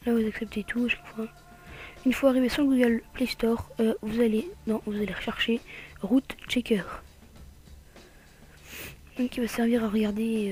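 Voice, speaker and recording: A woman with a French accent talks viewers through a tablet tutorial in a casual, hesitant way, often dropping to a half-whisper and filling pauses with "euh". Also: fairly high pitch, a little mellow. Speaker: tutorial maker. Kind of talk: casual screen tutorial voice-over.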